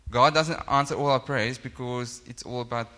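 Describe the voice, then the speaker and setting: A man's voice: mid-range voice, fairly even intonation, normal speed, sharp tone. A man with a Namibian accent and Afrikaans as his first language, preaching an informal sermon in a plain-spoken, self-deprecating, conversational way. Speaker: pastor. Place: large indoor church hall. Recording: echoey hall with long reverb.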